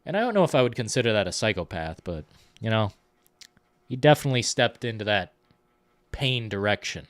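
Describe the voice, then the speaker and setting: A man hosting a live stream, chatting casually about films in a rambling, profane, excitable way. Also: fairly low pitch, brisk.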